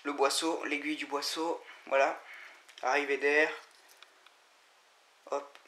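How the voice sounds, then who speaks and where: A man giving a casual, halting unboxing commentary, full of fillers and restarts. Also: fairly high pitch, flat delivery. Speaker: vlogger unboxing scooter parts. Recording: echoey room with loud noise and crinkling.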